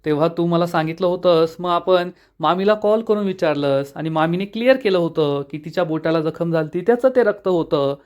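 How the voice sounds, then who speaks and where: A man voicing a calm young male hero in a retold TV serial, explaining patiently. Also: fairly high pitch, fairly quick, hardly any pauses, lightly acted.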